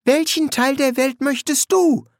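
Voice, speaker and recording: Man doing a high-pitched sharp girl, pointed questions, dry audiobook sound. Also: a little slow, no echo. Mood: probing.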